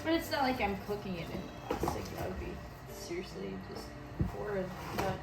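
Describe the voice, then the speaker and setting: A woman's voice: mid-range voice, wildly swooping pitch, fairly quick, heavy background noise. A young woman with a Wisconsin accent chatting casually and self-deprecatingly as she bakes in her home kitchen. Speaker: home baking vlogger. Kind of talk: casual chat while baking. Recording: roomy kitchen with background music.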